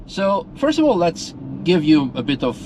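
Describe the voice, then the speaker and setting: A man's voice: on the high side, sing-song, normal speed, background noise. A man from Russia speaking earnestly in a casual, rambling monologue full of fillers and restarts. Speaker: vlogger.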